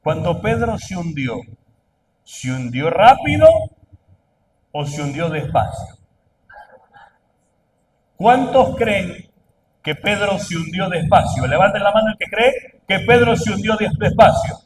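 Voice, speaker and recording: A man preaching a sermon, asking the congregation questions and building to loud, emphatic calls. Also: high-pitched, big pitch swings, slow, long pauses, far from the mic, a little hiss or hum, rough recording. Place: church.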